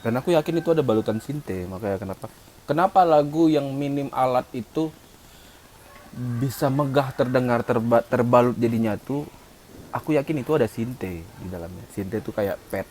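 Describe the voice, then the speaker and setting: A man talking in a relaxed, casual chat, explaining things at length and voicing little sound effects to make his point. His pitch sits in an ordinary middle range. Faint background noise hums under the recording. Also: moderate pace. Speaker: co-host, music mixing engineer.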